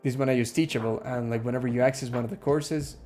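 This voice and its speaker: A man from Ecuador hosts a relaxed live stream Q&A, chatting easily with viewers and filling pauses with ums and uhs. His voice sits at an everyday middle pitch. Soft music plays faintly behind him. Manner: chatty, reads out viewer questions, many fillers. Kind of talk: casual live Q&A.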